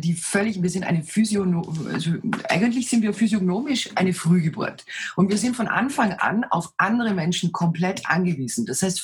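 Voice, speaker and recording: A woman with a deep, low, husky voice, speaking with self-assurance as a coach answering interview questions. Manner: self-assured, dominant presence. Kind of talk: conversational interview answers, storytelling.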